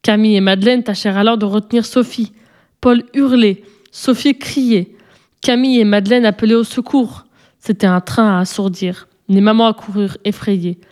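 A woman reading a children's story aloud in a gentle, measured way. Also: medium pitch, fairly even intonation. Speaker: narrator.

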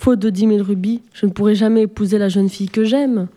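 A woman's voice: medium pitch, fairly even intonation, quick pace, mellow, close to an everyday voice. A woman voicing a young lovesick man in a storybook, speaking in a pleading way. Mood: despairing.

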